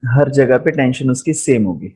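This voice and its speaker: Male physics teacher, live online class, slow deliberate delivery, frequent check-ins with students. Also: medium pitch, animated, mellow. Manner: speaks deliberately slowly, checks in with students often. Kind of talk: live online lesson, mixing Hindi and English.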